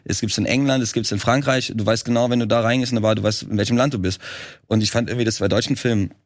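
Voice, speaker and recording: A man's voice: medium pitch, steady tone, fast talker, no room sound, clean studio sound. A man from Germany, a filmmaker guest, talking in a casual podcast conversation with many restarts and fillers.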